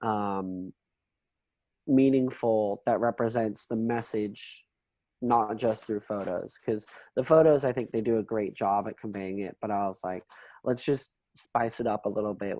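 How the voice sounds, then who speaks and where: A man's voice: fairly low pitch, warm tone, dry recording, poor audio. A young man from Hong Kong, a photographer, answering interview questions in a loose, rambling way with many ums.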